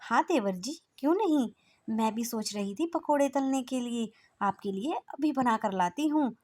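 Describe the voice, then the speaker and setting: A woman voicing a cheerful, eager young bride in a storybook tale, speaking brightly and quickly. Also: a little high, animated, voice pushed up.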